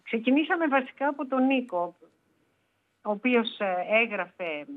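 A woman's voice: fairly high pitch, animated. Hesitant woman on a phone line. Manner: hesitant, many fillers. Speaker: author guest. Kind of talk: radio interview.

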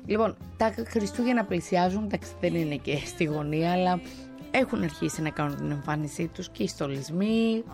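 A woman radio host talking casually in a conversational way, pausing on fillers and restarting words as she goes. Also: on the low side, vocal fry, darkish tone. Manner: conversational, with frequent hesitations and restarts. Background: faint music.

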